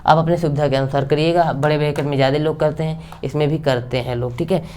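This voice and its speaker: A man's voice: fairly high pitch, fairly even intonation, quick pace, a little mellow. A young male math teacher giving a casual lesson at the board. He talks in a chatty, repetitive way, keeps checking that his students are following, and slips in jokes. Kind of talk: casual blackboard math lecture.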